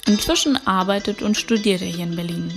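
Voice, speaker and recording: A woman reporter reading a scripted report narration in a clear, composed delivery. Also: medium pitch, a little fast, over music.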